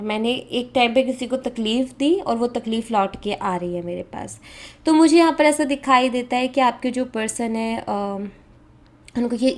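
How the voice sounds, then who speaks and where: A woman from India giving a casual, conversational tarot reading to viewers, often mixing in English words and pausing on fillers. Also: on the high side. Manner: conversational, mixes English into Hindi, frequent fillers. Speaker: tarot reader.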